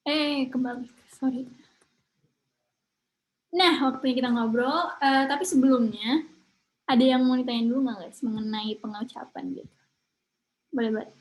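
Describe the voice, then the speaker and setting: A woman's voice: high voice, steady tone, normal speed, pauses often, rough recording. A young woman teaching an English speaking class in a casual, chatty way, dropping English words into her talk. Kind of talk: casual online lesson.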